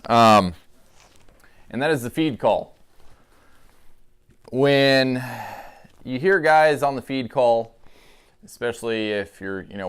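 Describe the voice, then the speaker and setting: A man giving a casual, folksy instructional demonstration in a clear voice, as a calling instructor. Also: fairly low pitch.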